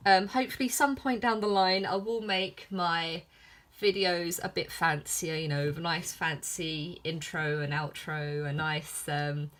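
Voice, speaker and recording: A woman with a fairly low voice and a lisp gives a casual sketchbook commentary. She takes it very slowly, hesitating often, and sounds self-deprecating and a little giggly. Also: steady tone, fairly bright tone. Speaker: artist showing a sketchbook. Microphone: filmed on iPhone.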